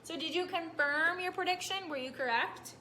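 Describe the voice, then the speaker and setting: A woman teacher reads a picture book aloud to young children with an animated storytelling manner, pausing often to ask them what they think. Her voice sits high and bright. A faint hiss runs under the recording.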